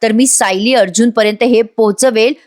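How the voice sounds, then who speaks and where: A woman voicing a cold, threatening young woman who speaks slowly and hard. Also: fairly high pitch, fairly even intonation, darkish tone, natural voice. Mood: menacing. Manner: slow, hard, menacing.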